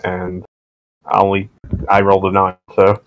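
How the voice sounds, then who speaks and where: A man's voice: sits low, monotone, moderate pace. A man playing a druid in a tabletop role-playing game, thinking aloud hesitantly with many "uh"s. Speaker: player. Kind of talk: casual tabletop role-play. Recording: dull dry lo-fi mic.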